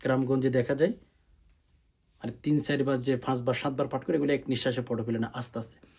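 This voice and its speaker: A man with a Bangladeshi Bengali accent explains the steps of prayer plainly and at an even pace, then recites the Arabic lines slowly in a chanting tone. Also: medium pitch, breathy edge. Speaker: Islamic prayer instructor. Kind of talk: step-by-step religious instruction.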